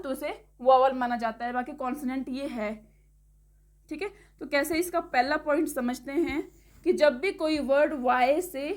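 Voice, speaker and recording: High-voiced woman teaching pronunciation. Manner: explains step by step, often checks in with "okay"; slowly spells words out letter by letter. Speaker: English teacher. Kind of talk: classroom-style lesson.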